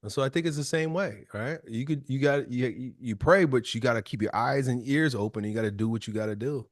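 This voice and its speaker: A middle-aged man talking as a podcast guest, blunt and animated, with loose, casual swearing. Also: medium pitch, a little fast, no echo, studio quality. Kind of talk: casual interview chat.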